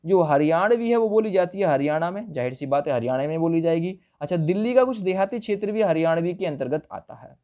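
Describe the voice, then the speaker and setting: A male teacher runs through exam-prep notes in a fairly high voice, turning each point into a question and then answering it himself. He keeps reminding students to remember it. The recording sounds dull and lo-fi. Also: animated, fast talker, few pauses, mellow.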